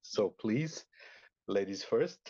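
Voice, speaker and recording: A man's voice: on the low side, lively intonation, slow, a little mellow, no room sound. A man hosting a podcast interview, asking his guests questions with many ums and uhs. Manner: hesitant, filler-heavy, welcoming. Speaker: podcast host. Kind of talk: interview conversation. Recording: dull, dry sound.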